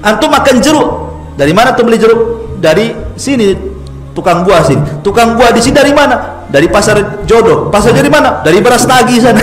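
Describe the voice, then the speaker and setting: A man with a notably high voice delivers a casual religious lecture, telling stories with lively humor and acting out quotes. His voice rings through an echoey room with faint music underneath. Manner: lively storyteller, jokes with the audience, acts out quotes. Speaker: Islamic preacher.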